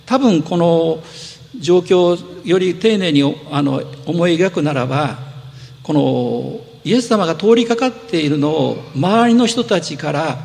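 A man preaching a sermon as pastor, explaining earnestly and gently with rising emphasis, in a church sanctuary. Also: fairly high pitch, expressive, a little slow, creaky. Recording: long hall reverb.

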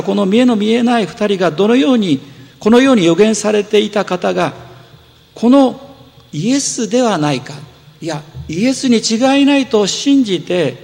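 Gravelly pastor preaching in a reverberant church. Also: male voice, high voice. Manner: earnest, gently explanatory, with rising emphasis. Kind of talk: sermon. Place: church sanctuary. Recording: long hall reverb.

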